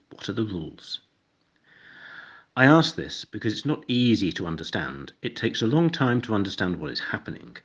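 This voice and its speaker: A man's voice: sits low, husky, lo-fi sound. An older English man with an English accent, narrating an educational explainer in a wry, dry-humored way. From England.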